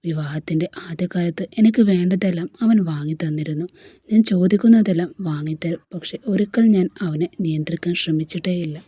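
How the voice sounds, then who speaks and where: A woman's voice: fairly low pitch, fairly quick, dark tone, husky, dry recording. A woman voicing a heartbroken married woman who pours out her sorrow in a storybook reading. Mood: sorrowful.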